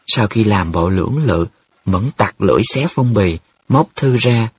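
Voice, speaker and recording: A man narrating a story in a measured, vivid way. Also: on the low side, animated, husky, no room sound. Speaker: audiobook narrator.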